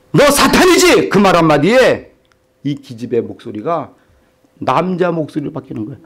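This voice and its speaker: A middle-aged male pastor telling a story in a sermon, acting out the voices in it and putting questions to the congregation. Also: mid-range voice. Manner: animated, acts out quoted voices, asks the congregation questions.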